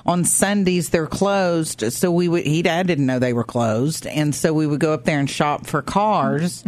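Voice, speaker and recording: A middle-aged woman sharing family stories and practical advice for caregivers in a lively, chatty way. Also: deep voice, measured pace. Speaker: interview guest. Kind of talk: casual storytelling and advice.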